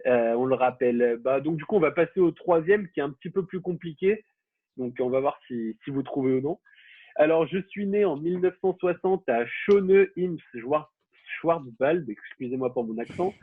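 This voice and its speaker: A man's voice: fairly high pitch, expressive, fairly quick. A man hosting a casual football quiz, talking with many fillers and restarts. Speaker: quiz host. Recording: phone-like, husky, dry.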